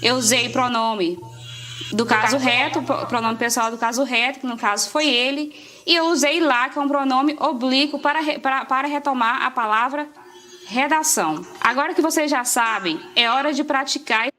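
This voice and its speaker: A woman teacher explaining grammar in a clear, explanatory way. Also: high voice, normal speed, sharp tone. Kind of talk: grammar lesson.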